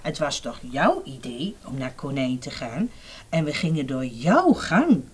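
A woman's voice: rumbling low, very animated, unhurried, a little mellow, breathy edge, pitched below the performer's own voice, exaggerated voice. A woman reading aloud and voicing a curious, friendly male squirrel in a children's story. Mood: encouraging.

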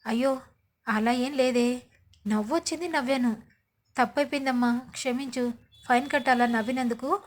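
A woman's voice: high voice, steady tone, normal speed, pauses often, lightly acted. A woman narrator reading the lines of a joking young man who teases his wife. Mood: teasing. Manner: joking, playful. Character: teasing young man, easygoing joker.

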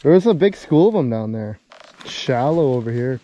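A man's voice: mid-range voice, animated, normal speed, warm tone, highs cut off, a little hiss or hum. A man chatting casually for an outdoor fishing vlog on a frozen lake, with slangy buddy-like banter. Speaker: fishing vlogger.

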